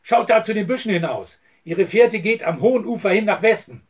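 Man voicing a brusque male outlaw, husky, heard from some distance. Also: high voice, lively intonation, a little fast, voice pushed up.

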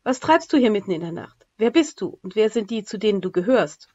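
A woman's voice: mid-range voice, animated, a little fast, a little mellow, natural voice. Woman reading as a serious chief guy, unsure, asking questions, kinda dull lo-fi audio. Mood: stern. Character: grave male Native chief, puzzled and wary. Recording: dull lo-fi recording.

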